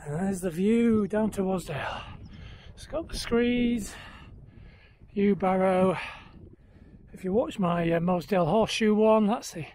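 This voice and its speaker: A man's voice: sits high, measured pace, a little mellow. A middle-aged man casually narrating a vlog to camera while on the move, trail running outdoors. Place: outdoors on an open mountainside. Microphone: handheld action camera at arm's length. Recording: noisy outdoor handheld camera recording.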